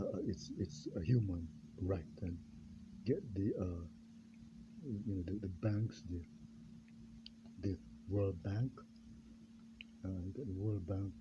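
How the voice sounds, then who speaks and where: A man from Jamaica, a pastor, talking in a rambling unscripted monologue, halting and full of fillers and repeated words. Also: fairly low pitch. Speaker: pastor and self-styled candidate. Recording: dull lo-fi recording with clear background noise.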